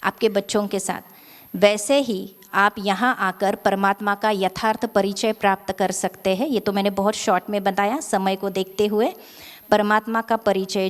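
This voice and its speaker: A woman giving a spiritual talk and leading a guided meditation in a calm, measured, gently instructive way, mixing English words into her Hindi. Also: mid-range voice. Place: meditation centre event.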